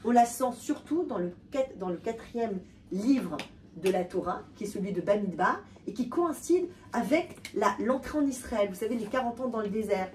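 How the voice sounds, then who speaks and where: A woman giving an animated talk to an audience, often repeating and restarting words. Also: on the high side, moderate pace. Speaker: lecturer. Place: hall with a live audience. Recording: distant voice with faint room noise.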